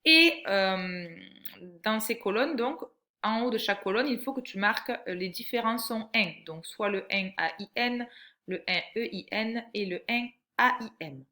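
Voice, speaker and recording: Woman teacher for young kids: slow, bright, patient, every word spelled out clearly. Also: a little high. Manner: patient, clearly articulated, addressing the child as tu. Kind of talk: slow lesson for young children.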